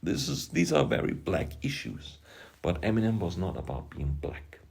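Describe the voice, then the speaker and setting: Very animated and low-voiced, with vocal fry and a slightly mellow quality, this Austrian rapper and producer talks hip-hop in a vlog. He speaks German in an Austrian accent, forcefully but haltingly, dropping in jokes at his own expense.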